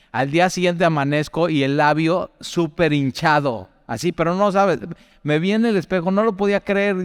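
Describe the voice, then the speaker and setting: Chatty preacher, smooth clear voice. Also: male voice, fairly high pitch, no room sound, studio quality, big-room sound. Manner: chatty, tells personal anecdotes, asks the listener questions. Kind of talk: conversational sermon.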